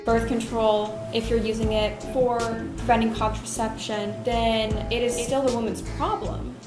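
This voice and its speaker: A woman's voice: a little high, little pitch movement, unhurried. A young woman from the United States co-hosting a student podcast, earnestly laying out facts and figures. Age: young adult. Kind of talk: casual discussion podcast. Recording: echoey room with music underneath.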